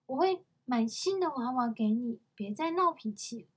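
An impatient mother scolding her sulking child, read by a woman telling a storybook. High, breathy voice with a firm, exasperated tone. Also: expressive, moderate pace. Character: scolding mother of a crying girl.

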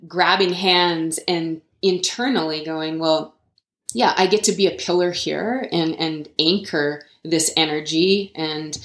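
A woman's voice: lowish voice, fairly bright tone. A woman speaking as a podcast guest, reflective and casual, often repeating small words. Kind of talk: casual chat. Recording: echoey room.

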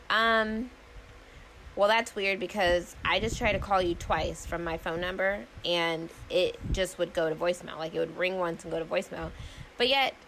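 A woman's voice: on the low side, a bit bright, a little hiss or hum, poor audio. A young adult woman casually retelling a story, candid and profane, acting out both sides of phone calls in slangy, exasperated talk.

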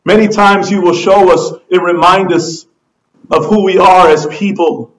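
A man's voice: sits high, steady tone, a little slow, rough recording. A man preaching a sermon as pastor, passionately acting out the pleading prayers of his listeners.

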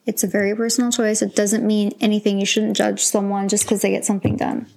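A woman's voice: medium pitch, flat delivery, fast talker, vocal fry, a little mellow, poor audio. A young woman co-hosting a podcast, talking in a frank, chatty way and swearing casually. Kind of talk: casual chat.

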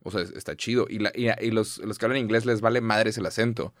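A man's voice: fairly low pitch, steady tone, quick pace, dry recording, studio quality. A young Mexican man co-hosting a podcast, chatting casually with lots of slang and swearing. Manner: slangy, profane, emphatic. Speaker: podcast co-host. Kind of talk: casual chat.

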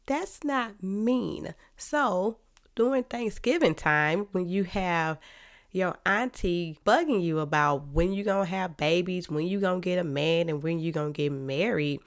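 A woman's voice: fairly low pitch, measured pace. An American woman with a slightly nasal, stuffed-up sinus voice, giving casual, direct advice as a podcast host and therapist. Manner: informal, direct, folksy turns of phrase.

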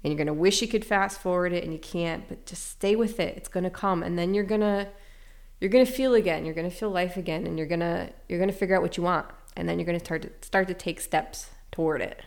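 A woman's voice: fairly low pitch, fast talker, vocal fry. A woman speaking as an interview guest, candid and reflective, often breaking into light laughter as she tells her story. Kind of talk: casual emotional interview.

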